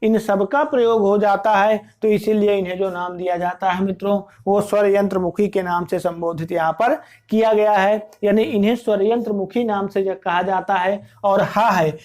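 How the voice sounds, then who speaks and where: A man's voice: sits high, steady tone, a little mellow. Man teaching, quizzing himself. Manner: asks and answers his own questions; repeats words slowly to show how they sound. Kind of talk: online exam-prep lecture.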